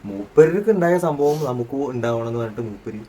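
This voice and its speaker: A man's voice: medium pitch, expressive, quick pace, mellow, breathy edge, recorded from a distance. A middle-aged man playing the joking father in a family comedy skit, scolding and teasing and repeating himself.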